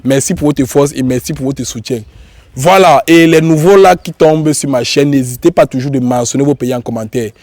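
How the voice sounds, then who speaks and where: In a dry recording, a man with a Cameroonian accent hosts a YouTube show despite having a cold, speaking to his viewers and guests informally and with a lot of repetition. His mid-range voice moves a little fast and has a darkish tone.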